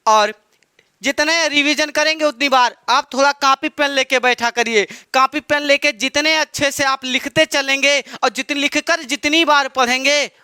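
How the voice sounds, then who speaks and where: A male teacher giving a slow exam-prep lecture, repeating each item and quizzing his students. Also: extremely high pitch, steady tone, pushed and bright, no echo, studio quality.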